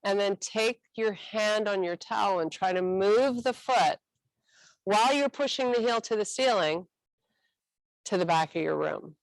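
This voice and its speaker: A woman guides a stretching class, talking students through each position with calm, encouraging cues. Her delivery is slow and unhurried, with a gravelly texture to her voice. The sound is dry and close. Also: medium pitch, no room sound, low-quality recording.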